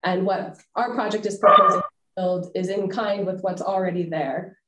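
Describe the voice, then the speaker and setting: A woman speaking as a project representative at a public hearing, in a measured, formal way. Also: fairly low pitch, fairly even intonation, noisy background. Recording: roomy echo.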